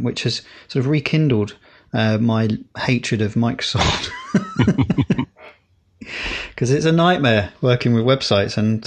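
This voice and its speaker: Speaking with vocal fry at a medium pitch, this male podcast co-host chats casually. He rambles and hesitates often, using many fillers and restarting his sentences.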